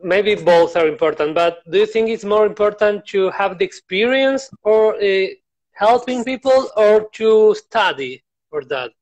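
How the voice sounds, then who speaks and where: A young man in his twenties asks questions slowly and haltingly, often searching for words. His voice is notably high for a man, and he takes his time over each phrase. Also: highs cut off. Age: 20s. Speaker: interviewer. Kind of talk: casual interview.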